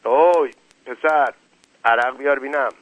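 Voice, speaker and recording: A man's voice: mid-range voice, a bit bright, no room sound, close to an everyday voice. A man voicing a crude, scornful street tough, in a dry, phone-like recording. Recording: dry, phone-like narrow sound.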